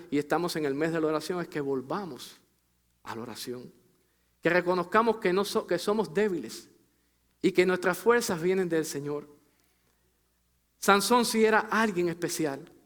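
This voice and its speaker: A man preaching a sermon to his congregation, calling them brother and sister, pushing his phrases up with emphasis and letting them fall low and soft at the end. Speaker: pastor.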